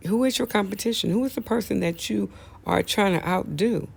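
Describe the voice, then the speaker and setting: A man with a high-pitched, gravelly, husky voice speaks briskly as host of a casual opinion monologue. He talks conversationally and straight to listeners, repeating phrases for emphasis.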